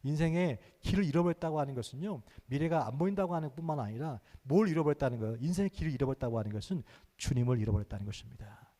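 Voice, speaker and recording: A male pastor preaching a sermon, acting out prayers and rising to fervent loud prayer. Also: on the high side, long reverb tail. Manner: earnest preaching, acts out prayers and Jesus speaking. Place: church sanctuary.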